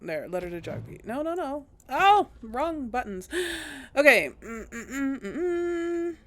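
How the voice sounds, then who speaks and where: A young woman hosts a let's play, chatting casually over a video game in a high-pitched, very animated voice at a measured pace. She thinks aloud and corrects herself as she goes, giving relaxed gameplay commentary.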